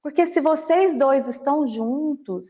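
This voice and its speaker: A woman's voice: high voice, a little slow, highs cut off. A woman giving a spiritist lecture, telling stories animatedly and acting out the dialogue. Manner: animated storytelling, acts out dialogue. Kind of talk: spiritist talk. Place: home video call.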